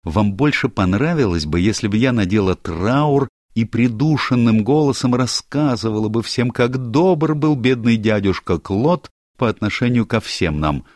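A man's voice: medium pitch, expressive, normal speed, few pauses, a little mellow, dry recording, clean studio sound, pitched above the performer's own voice, lightly acted. A man voicing a teasing, outspoken young woman in an audiobook, gushing and theatrical. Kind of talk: audiobook character voice.

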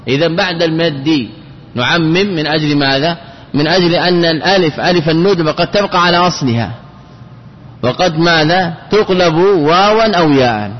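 A man's voice: a little high, fairly quick. A male teacher gives a classroom lecture on grammar. He keeps asking rhetorical questions and repeating key phrases as he explains. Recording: dull lo-fi recording with long hall reverb.

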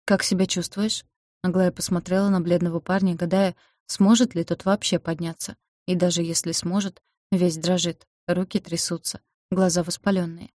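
A woman reads a story aloud in a low, mellow voice, with even storytelling. The recording is very dry and close, with no room sound. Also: normal speed, hardly any pauses, no room sound. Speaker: audiobook narrator. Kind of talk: scripted narration.

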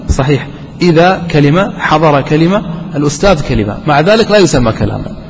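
A man's voice: a little high, darkish tone, a little hiss or hum. A man teaching a grammar lesson to a class, explaining step by step and often quizzing his students. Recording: dull lo-fi hall recording.

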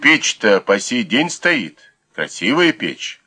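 A man reading a self-assured security officer who speaks calmly and cheerfully, with a mocking edge. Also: medium pitch, takes it slowly, slightly rough, voice pushed up, exaggerated voice. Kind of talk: audiobook character voice.

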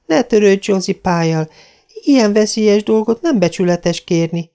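A fretful young schoolgirl pleads with her friend, as a man reads her in a voice pitched high above his own. The tone stays dark and gravelly, suited to a storybook. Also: animated. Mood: pleading. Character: anxious loyal schoolgirl friend.

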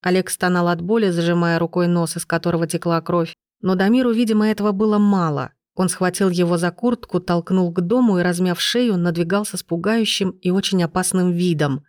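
Brief: female audiobook narrator, lowish voice, dry close sound. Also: steady tone, fairly quick, few pauses, a little mellow, dry recording. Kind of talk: scripted narration.

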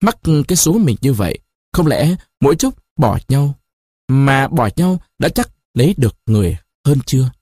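A man's voice: medium pitch, big pitch swings, normal speed, mellow, breathy edge, no room sound, clean studio sound. A man voicing an elderly grandmother in a story reading, pleading and resigned, with a quavering, tearful way of talking. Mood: consoling.

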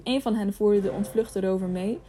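Woman, audiobook narrator, steady storytelling, mid pitch, occasional slips. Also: normal speed, a little hiss or hum. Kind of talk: audiobook reading.

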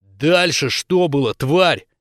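A man's voice: fairly high pitch, animated, moderate pace, fairly bright tone, no echo, clean studio sound. A man voicing a tough woman fighter who barks and snarls threats. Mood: menacing.

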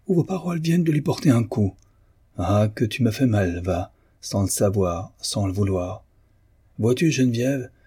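An anguished, honorable husband pours out love and wounded pride, as a man reads him in an audiobook. The voice sits low and husky, with a dark, mellow tone. It turns stern and commanding when his honor is hurt. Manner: impassioned, pleading then commanding. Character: proud honest bourgeois husband, anguished and loving. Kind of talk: audiobook reading of a novel.

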